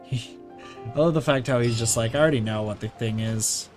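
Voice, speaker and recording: This man's voice is mid-range and brisk as he offers casual, slang-heavy live commentary on a game he's streaming, rambling and often talking to himself while game music plays.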